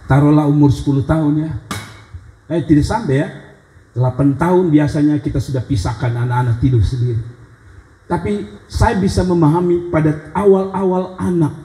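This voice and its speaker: A male pastor preaching a sermon in a lively, animated style, with wide swings in his delivery. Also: moderate pace. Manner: animated preaching with big pitch swings and acted child cries. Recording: echoey church hall.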